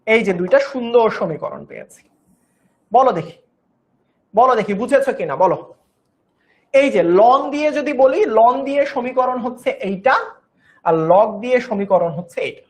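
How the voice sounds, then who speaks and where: A woman's voice: fairly high pitch, animated, normal speed, long pauses, darkish tone. A young woman giving an online chemistry class, patiently repeating each step and coaxing her students along. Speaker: chemistry teacher.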